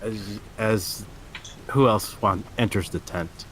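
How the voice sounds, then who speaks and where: Deep-voiced, slow-paced male game master. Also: a bit bright, slight background noise, poor audio. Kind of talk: narrating a tabletop role-playing game.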